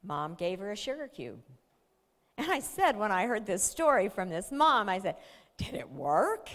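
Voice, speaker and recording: A woman's voice: medium pitch, very animated, moderate pace, a bit bright. A woman giving a talk and telling a story in a conversational way, with fillers and restarts. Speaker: speaker. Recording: long hall reverb.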